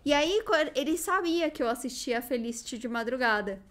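This is a woman in her thirties from Brazil, chatting as a channel co-host with a high, bright voice. She tells her stories in an animated, quick way. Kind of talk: casual chat.

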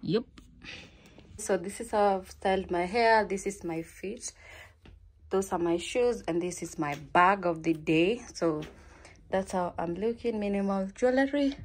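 A woman's voice: medium pitch, measured pace. A young Kenyan woman in her twenties, talking casually to her phone camera in a small bedroom and mixing Swahili words into her English. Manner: chatty, mixes in Swahili words. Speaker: vlogger. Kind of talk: casual vlog chat to camera. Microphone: phone camera held close.

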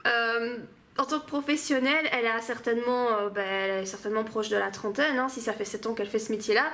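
A woman's voice: a little high, quick pace, fairly bright tone. A woman reviewing stories aloud in a casual, hesitant way, full of fillers. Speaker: book reviewer. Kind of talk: casual spoken critique.

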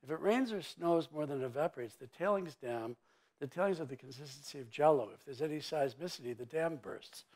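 A man's voice: fairly high pitch, a little fast, a little mellow. An older man being interviewed on a conference stage, talking in an emphatic, blunt and sweeping way with vivid turns of phrase, on a lapel mic. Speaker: mining executive interviewee. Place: conference stage before an audience.

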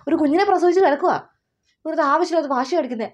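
A woman acting as a nagging middle-aged mother in a comic family skit, scolding with rapid questions. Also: high voice, lightly acted. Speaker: mother of a new mother.

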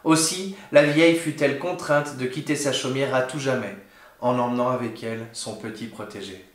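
Expressive man reading a children's story. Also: medium pitch, moderate pace. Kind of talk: reading a picture book aloud. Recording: roomy echo.

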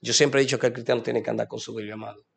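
Calling his listener "amado," a young man delivers a preachy, impassioned testimony as a guest, speaking very fast. His medium-pitched voice is husky with vocal fry and keeps a steady tone.

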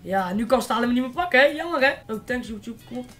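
A teenage boy from the Netherlands giving casual, excitable let's-play commentary, swearing and shouting at opponents. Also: very high-pitched, quick pace, faint music behind. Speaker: gaming YouTuber.

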